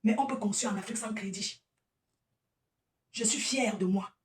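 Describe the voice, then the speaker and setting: A woman's voice: medium pitch, moderate pace. A woman, an event organizer, ranting combatively on a livestream and breaking into laughing asides. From Cameroon. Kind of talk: livestream rant. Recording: echoey room, distant from mic.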